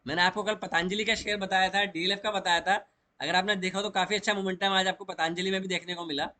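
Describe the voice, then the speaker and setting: Bright-voiced man teaching chart trading. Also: sits high, steady tone, fast. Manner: explains step by step, mixing English trading terms into Hindi. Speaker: stock market trading educator. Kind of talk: chart walkthrough lesson.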